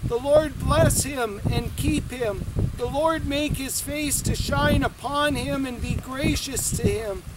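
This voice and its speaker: A middle-aged man leads a solemn graveside service as priest, reading prayers aloud in a measured, formal liturgical way. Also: very high voice. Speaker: priest leading a graveside committal. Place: outdoors in a snowy open cemetery. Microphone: far camera microphone. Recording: distant camera mic, loud wind noise. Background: loud wind noise.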